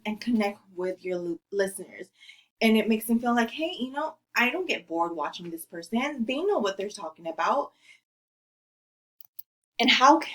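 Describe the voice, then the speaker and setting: A woman's voice: a little high, fairly bright tone. Chatty woman giving a presentation. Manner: chatty, many fillers and restarts. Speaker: student presenter. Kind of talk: informal presentation speech.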